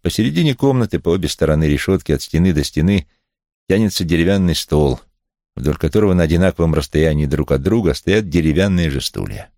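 A man's voice: sits low, expressive, fast talker, darkish tone, no room sound, studio quality. A man reading a detective novel aloud as a wry first-person narrator. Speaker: audiobook reader.

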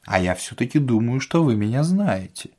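A cocky young con man, voiced by a male narrator in an audiobook. He speaks slowly and weightily, every line dripping with irony. His voice has a husky grain and a lively, swooping lilt. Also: medium pitch. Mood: quiet confident. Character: smooth confident swindler, young man, mocking. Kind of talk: audiobook character voice.

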